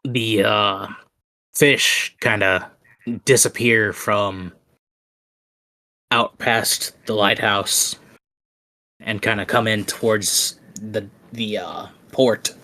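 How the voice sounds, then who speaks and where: A man voicing a plain-spoken dockside local who talks hesitantly, with many pauses. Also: lowish voice, steady tone, pushed and bright, voice pushed down, full character voice.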